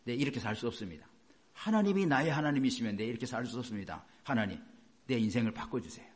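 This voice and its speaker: A man preacher voicing an ancient man who quietly vows he cannot go on living this way, in a low, earnest tone. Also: animated, quick pace. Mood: determined pleading. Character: desperate ancient man resolving to change his life.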